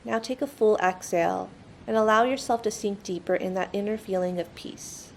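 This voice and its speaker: A woman narrates a guided meditation, giving soothing, gentle instruction at normal speed. Her medium-pitched voice has noticeable creak, and a faint low rumble sits in the background.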